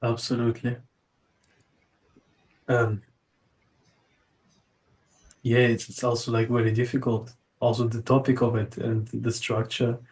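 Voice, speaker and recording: A man hosts an online poetry gathering in loose, casual talk. His voice is gravelly and stays on a flat, even line. He hesitates and repeats words while he thinks. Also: medium pitch, a little slow, long pauses. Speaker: host of an online poetry session. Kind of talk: casual group chat.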